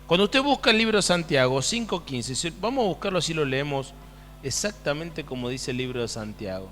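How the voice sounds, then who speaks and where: Pastor, male, high lively voice, preaching in a reverberant church hall. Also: a little fast, a little hiss or hum. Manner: animated preaching with rhetorical questions to the congregation. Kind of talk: sermon.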